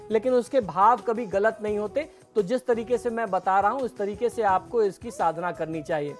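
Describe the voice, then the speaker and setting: A middle-aged man, an astrologer guest on a TV program, explaining devotional mantras in a measured way and chanting them slowly. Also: very high voice.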